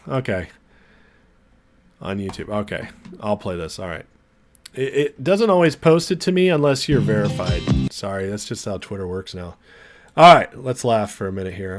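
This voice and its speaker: With a mid-range voice that's starting to give out after an illness, an American man runs a laid-back livestream. He chats warmly with his audience and reads their comments aloud.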